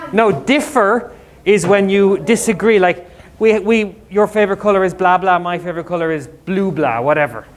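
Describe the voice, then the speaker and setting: Chatty male teacher explaining vocabulary. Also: high voice. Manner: quick, chatty, jokey explanations with examples. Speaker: English teacher. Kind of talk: classroom teaching. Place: school classroom.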